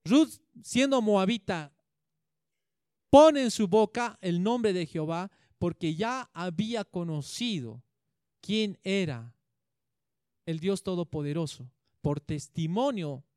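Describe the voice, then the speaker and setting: A man's voice: high voice, darkish tone, clean tone, no room sound, clean studio sound. A man preaching a sermon, retelling scripture and putting questions to his congregation.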